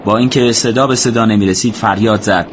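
A man narrating a war story as scripted audiobook narration, in a steady, measured way. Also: on the low side, slight background noise.

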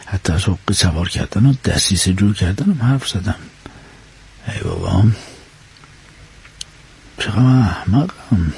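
A man voicing a flustered, anxious clerk who mutters and frets to himself, with a husky voice. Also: low-pitched, lively intonation, long pauses, darkish tone, slight background noise, voice pushed down. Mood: fretful.

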